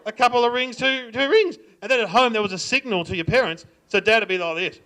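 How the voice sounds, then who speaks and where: A man's voice: extremely high pitch, fast, pushed and bright. A middle-aged Australian man telling funny stories at a live stand-up show, laughing and mimicking. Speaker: comedian. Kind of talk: stand-up storytelling. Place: library event room.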